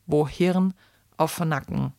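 A woman reading a verse narration aloud in a measured, expressive way. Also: low voice, creaky, no room sound, studio quality. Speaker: reader.

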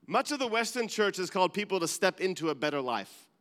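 Bright, high-voiced male preacher in a hall. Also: sing-song, fast talker. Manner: earnest, building to emphatic peaks, with restarts and asides. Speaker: pastor. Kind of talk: sermon.

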